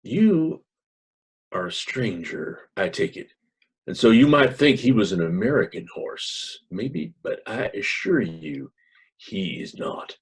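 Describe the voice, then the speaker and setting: A man playing a sly, falsely candid horse-sale shill, confiding in a hushed, husky voice with hammy drama. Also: fairly low pitch, sing-song, slow pace, exaggerated voice.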